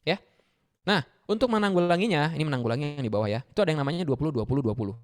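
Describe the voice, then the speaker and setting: Guest speaker, male, 30s, energetic and animated, higher voice, quizzes the students as he goes. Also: very fast. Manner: animated, mixes English phrases, asks the audience questions. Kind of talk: lively motivational talk to students.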